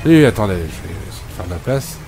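A man's voice: low-pitched, animated, fast, music in the background. A man giving comic role-play commentary over gameplay, scolding and exasperated in a joking banter. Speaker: gameplay video creator.

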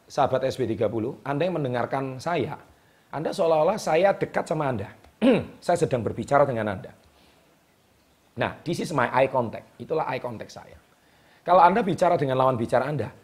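A man hosting a motivational talk straight to the camera, emphatic and repeating key words with a drawn-out "ya". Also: medium pitch, expressive. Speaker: host. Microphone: speaking straight to the camera.

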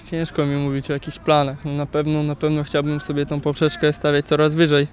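A young footballer in his twenties answering interview questions outdoors beside a pitch, halting with many repeated words. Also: monotone. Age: 20s. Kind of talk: post-training interview. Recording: faint outdoor noise.

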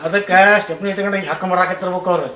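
A man's voice: high voice, steady tone, rapid-fire, fairly bright tone, echoey room. A man playing a gossipy village farmhand, teasing a fellow worker. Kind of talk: rustic comedy skit.

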